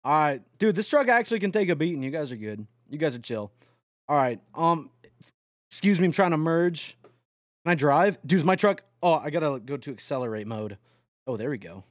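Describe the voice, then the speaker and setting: This is a young man's animated, somewhat high voice as he casually streams a truck driving game, a little fast and addressing chat directly. Frequent swearing is punctuated by yelps and laughs. The sound is clean studio audio with no echo.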